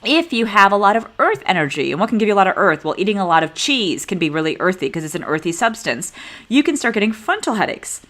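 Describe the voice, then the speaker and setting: A woman in her forties speaks as a neurologist teaching a class. Her pitch swings widely as she talks, animated and conversational. She tells stories and acts out the dialogue in them. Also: quick pace. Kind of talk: teaching talk with personal stories.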